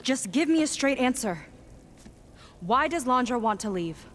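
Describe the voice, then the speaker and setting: Seika, blunt guarded young warrior. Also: female voice, fairly high pitch, expressive, a little slow, a bit bright, a little hiss or hum. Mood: blunt, demanding. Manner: blunt, terse, emotionally weighted. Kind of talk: naturalistic cinematic video game acting. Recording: music under the voice.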